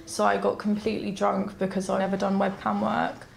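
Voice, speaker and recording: Gravelly-voiced woman, halting recollection. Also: medium pitch, completely flat delivery, a little hiss or hum. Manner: soft, halting, hesitant recollection. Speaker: documentary interviewee. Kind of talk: recounting personal experiences in an interview.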